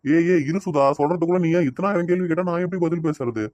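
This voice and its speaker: A man's voice: fairly high pitch, fast talker, darkish tone, no room sound, lo-fi sound, natural voice. A man acting as a father who brushes off his wife's worries, speaking brusquely in an amateur family web drama. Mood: explaining. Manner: brusque, dismissive then explaining. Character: calm father hiding daughter's whereabouts.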